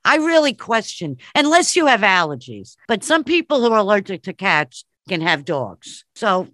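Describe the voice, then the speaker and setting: A woman with a medium-pitched voice chats as a podcast guest. She is casual and enthusiastic, recorded dry with no room sound. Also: very animated, moderate pace, fairly bright tone, no room sound. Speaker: podcast guest and fellow host.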